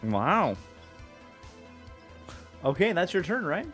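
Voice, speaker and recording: A man's voice: a little high, big pitch swings, slow, fairly bright tone. A man casually narrating a live tabletop role-playing game as the game master. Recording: music behind the voice.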